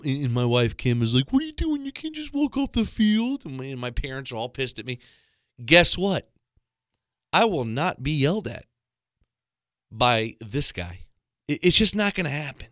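A man's voice: fairly high pitch, bright, forceful tone, no room sound, studio quality. A man in his thirties telling a rambling, exasperated comic story into a microphone, with self-mocking asides. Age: 30s. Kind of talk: comedic monologue. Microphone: studio microphone.

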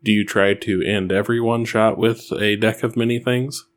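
A man with a fairly low voice puts short, plain questions to a guest. He keeps each question brief and direct. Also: steady tone, normal speed. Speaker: interviewer.

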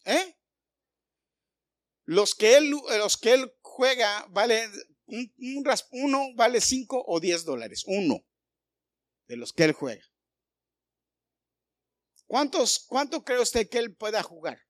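A male pastor preaching a sermon, animated and full of rhetorical questions aimed at the congregation. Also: very high voice, slow, long pauses, dry recording, clean studio sound.

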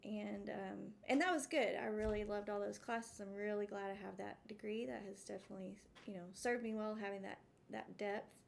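Female podcast guest, West Texas twang, gravelly creak, relaxed storytelling style, slight rumble on the recording. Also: normal speed, hardly any pauses. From West Texas, United States. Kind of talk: casual interview storytelling.

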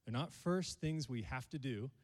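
A man's voice: mid-range voice, normal speed, darkish tone, big-room sound. A male pastor, preaching a sermon to his congregation and joking with them. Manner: playful, jokes with the congregation.

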